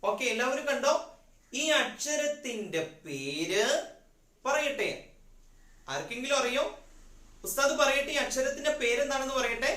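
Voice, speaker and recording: A man's voice: extremely high pitch, animated, moderate pace, long pauses, sharp tone. A man teaching a religious class to young children, patiently asking questions and drilling repetitions. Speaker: madrasa teacher. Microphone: phone. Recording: echoey room.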